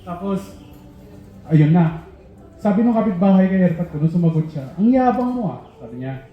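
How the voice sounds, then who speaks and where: A young man telling a comic story at an open mic, animated and laughing at his own jokes. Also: on the high side, moderate pace. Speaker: stand-up comedian. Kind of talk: stand-up comedy storytelling. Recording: echoey, dull open-mic room sound.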